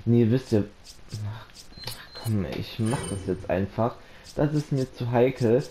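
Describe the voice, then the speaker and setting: A German man with a mid-range voice narrates his horror gameplay at a slow, drawn-out pace, talking to on-screen characters and his viewers. He startles easily and yelps straight into his close microphone. Game noise is clearly audible in the background. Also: medium pitch. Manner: jumpy, yelps and shouts when startled. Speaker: let's play commentator. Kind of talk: casual gameplay commentary. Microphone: close desk microphone.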